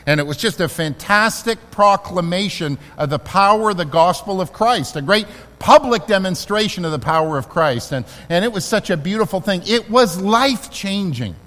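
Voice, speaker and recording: A male pastor delivers an earnest, emphatic sermon in a church, slowing down to stress his key words. His voice sits high for a man. The sound carries a long reverb, as if it fills a large hall. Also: lively intonation, a bit bright.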